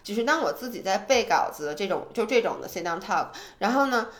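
Fast, lively woman chatting on a podcast. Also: mid-range voice. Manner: animated, self-deprecating, repeats herself. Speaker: podcast co-host. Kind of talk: casual chat.

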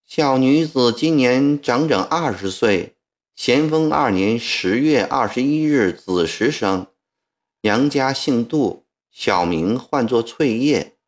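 A male storyteller voicing a frail young woman who speaks softly and slowly. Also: medium pitch, expressive. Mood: sorrowful. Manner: soft-spoken, slow.

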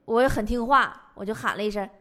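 A woman's voice: a little high, fast, heavy background noise. A young woman with a Northeastern Chinese accent, telling comic stories and laughing at her own jokes. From Northeast China. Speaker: comedy show host. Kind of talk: scripted comedic storytelling.

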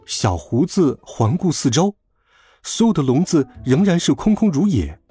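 Male storybook narrator, husky, highly animated delivery. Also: a little slow, no room sound, soft background music. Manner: lively, expressive reading.

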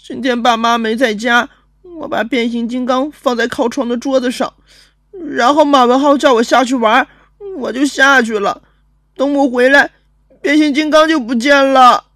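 Cast a stammering, weepy ten-year-old boy played by a woman for an audio drama, very high, in a dry booth. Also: expressive, no room sound. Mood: tearful, stammering. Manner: stammering, sobbing, halting.

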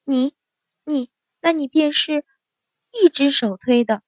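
Woman putting on a shrill spoiled young girl, high pitched, loud, dry sound. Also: slow, no room sound. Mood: stammering. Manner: shrill, shouting, stammering.

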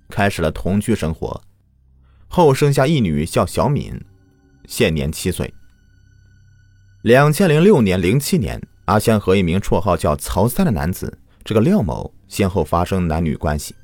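A man's voice: sits low, darkish tone, dry recording. A man narrating true crime from a script as a host, in a dramatic storytelling manner. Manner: dramatic storyteller with rhetorical questions.

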